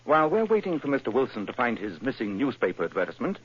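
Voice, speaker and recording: An actor playing Sherlock Holmes, a sharp, precise detective, in a 1940s radio drama from a dull old broadcast. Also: male voice, mid-range voice, fast talker, slight background noise, close to an everyday voice. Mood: brisk. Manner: crisp, precise, lively deductions.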